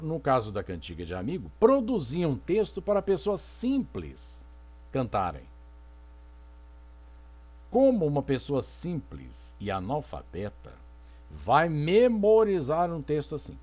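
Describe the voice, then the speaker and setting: His voice sits on the high side with a darkish tone as this literature teacher gives a recorded lecture. Didactic in style, he slowly reads poetry aloud and raises rhetorical questions only to answer them.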